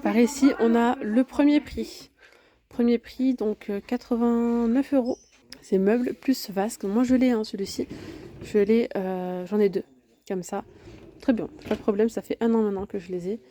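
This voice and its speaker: A woman's voice: fairly high pitch, fairly even intonation, moderate pace, mellow. A woman chatting casually as she walks through a large home improvement store, listing prices and sizes with many fillers, recorded on a handheld phone. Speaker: vlogger touring a store. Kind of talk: casual shopping walkthrough.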